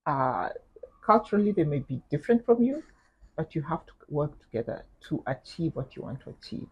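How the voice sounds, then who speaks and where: A middle-aged woman with a Kenyan accent, speaking as an interview guest in a measured, thoughtful way, with frequent fillers and repeated words. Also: low-pitched, big pitch swings, slightly rough, dull audio. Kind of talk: reflective interview conversation.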